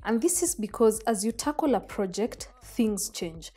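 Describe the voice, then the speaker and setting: A woman's voice: on the high side, lively intonation, measured pace, dark tone. A young woman with a Kenyan accent, chatting to viewers about her bedroom makeover and calling them guys. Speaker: home makeover vlogger. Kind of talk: casual voice-over narration.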